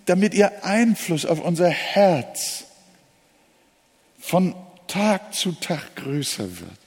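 Slow emphatic male preacher in a hall. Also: high-pitched, a little mellow, breathy edge. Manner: emphatic preaching, stresses single words. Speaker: pastor. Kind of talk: sermon. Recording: long hall reverb.

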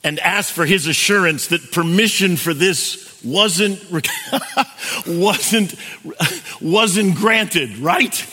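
A man preaches in short, measured phrases and leaves room for his interpreter after each one. His voice sits a little high and sounds bright, with a long reverb trailing through a large hall. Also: husky. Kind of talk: sermon delivered with live interpretation.

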